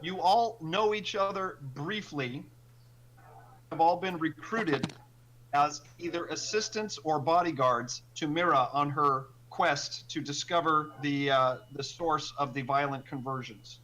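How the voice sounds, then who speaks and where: High, bright-voiced man as game master. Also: poor audio. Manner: halting, explanatory. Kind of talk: narrating a tabletop role-playing game.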